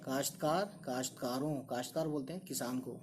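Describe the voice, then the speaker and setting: A man's voice: medium pitch, fairly even intonation, a little fast, noisy background. A man teaching an online language lesson, drilling singular and plural word pairs by repeating each one and calling his viewers guys. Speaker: Urdu teacher.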